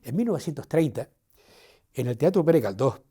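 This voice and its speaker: Medium in pitch, a little fast and with a breathy edge, the man speaks in a Canarian accent as a proud elderly islander. As part of a walking tour, he tells his life story in the first person, engaging the audience directly in a lively, proud way.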